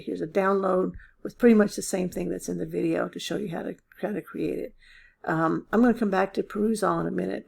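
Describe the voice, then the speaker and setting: A woman's voice: medium pitch, darkish tone. A woman instructor losing her voice, giving a casual, filler-heavy walkthrough of her course site. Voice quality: gravelly, husky.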